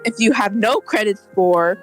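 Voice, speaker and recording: A woman's voice: medium pitch, moderate pace, soft background music, low-quality recording. A young woman co-hosting a casual gaming podcast, chatty and lecturing, often laughing. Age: young adult. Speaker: podcast co-host. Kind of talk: casual group chat.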